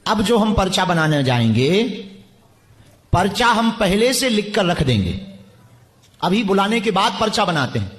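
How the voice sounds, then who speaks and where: A man's voice: sits high, very animated, measured pace, pauses often. A man preaching live to a packed stadium, taunting and bossing people in the crowd. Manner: taunting, mocking, commanding the crowd. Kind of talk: live religious gathering address. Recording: echoey stadium with crowd ambience.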